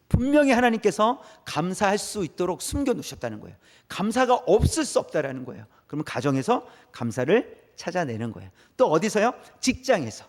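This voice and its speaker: A man preaching a midweek sermon in a church, speaking in a bright, high register. His pitch swings widely as he talks. He keeps it conversational and often puts questions to the congregation. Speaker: pastor.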